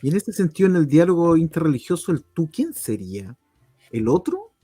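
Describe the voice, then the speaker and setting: A man's voice: fairly high pitch, big pitch swings, a little fast, mellow, breathy edge, no room sound, soft background music. Inquisitive Chilean man asking questions. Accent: Chilean Spanish. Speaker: radio program host. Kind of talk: conversational talk, asking questions.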